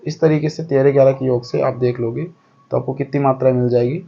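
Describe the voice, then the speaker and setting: A man's voice: medium pitch, steady tone, quick pace, vocal fry, slightly rough, dull audio. A man teaching a lesson step by step, counting aloud and often checking that the class follows. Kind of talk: explaining a lesson.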